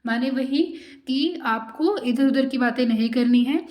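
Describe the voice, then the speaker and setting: A woman giving a university lecture, explaining each point step by step and reading out English points slowly. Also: high-pitched, a little mellow. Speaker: teacher. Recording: echoey room.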